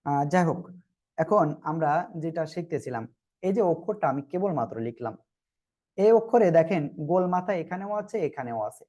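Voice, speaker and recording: A Quran teacher leading an online group class, patiently sounding out letters slowly and asking everyone to repeat together. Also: medium pitch, lively intonation, mellow.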